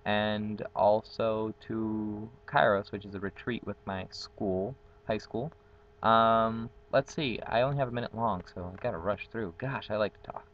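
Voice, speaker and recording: Framed closely by a built-in webcam mic, this young Guatemalan native Spanish speaker gives a chatty, upbeat self-introduction full of ums, outside on a patio with trees. He is a college dorm community facilitator. He speaks a little slowly in a lowish voice with fairly even intonation; the highs are cut off, and there's a little hiss or hum.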